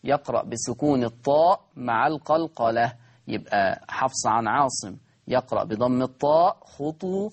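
A man with an Egyptian accent teaching Quran recitation, repeating words slowly to show how they sound and asking his listeners rhetorical questions. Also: mid-range voice. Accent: Egyptian Arabic. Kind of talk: recorded recitation lesson.

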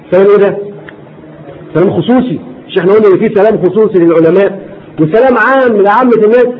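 A man's voice: high-pitched, fast talker, long pauses. A man with an Egyptian accent giving an Islamic lesson to a class, repeating his points and firing rhetorical questions at his listeners. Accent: Egyptian Arabic. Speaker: religious teacher. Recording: dull lo-fi recording, faint noise.

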